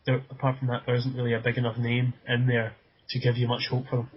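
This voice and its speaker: A man's voice: mid-range voice, monotone, quick pace, a little hiss or hum. A man co-hosting a casual football podcast, often repeating words as he starts sentences. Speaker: podcast co-host. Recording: dull lo-fi podcast audio.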